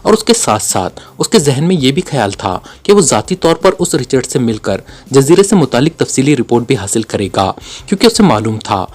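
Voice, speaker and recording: A man narrating a spy novel aloud in a dramatic, expressive storytelling manner. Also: mid-range voice, brisk, few pauses.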